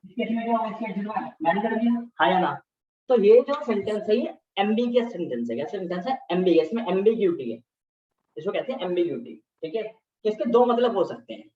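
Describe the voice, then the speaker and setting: A man's voice: high-pitched, lively intonation, fast talker. A man teaching a class, repeating key terms and often checking that students follow. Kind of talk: classroom lecture. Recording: distant, echoey, dull-sounding classroom recording.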